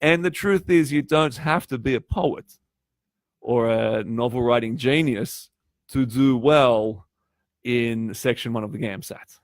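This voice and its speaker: A man from Poland who grew up speaking Polish tutors test prep in a chatty live stream, often asking his audience questions. His voice is mid-range at a measured pace, with no echo.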